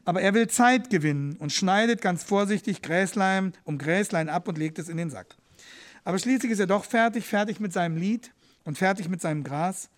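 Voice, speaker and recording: High-voiced man retelling a memoir. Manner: expressive reading, slowing for quoted hymns.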